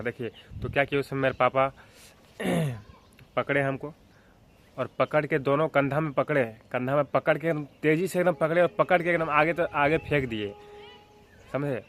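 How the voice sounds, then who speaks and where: A young man from Jharkhand, India, vlogging a casual childhood story in a rambling way, often checking in with the listener and clearing his throat. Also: medium pitch, fairly bright tone, slight background noise. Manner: rambling, with frequent filler checks like "theek hai" and "hai na".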